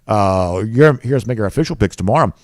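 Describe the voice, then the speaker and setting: Lower-pitched man hosting football talk. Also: lively intonation, brisk, darkish tone, dry recording, studio quality. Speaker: sports talk show host. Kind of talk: college football commentary.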